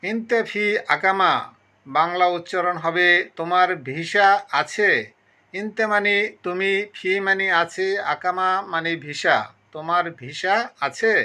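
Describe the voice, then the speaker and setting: A man's voice: high voice, measured pace, bright, forceful tone. A man giving a phrase-by-phrase language lesson, methodically explaining each word and then repeating the full meaning. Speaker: language teacher.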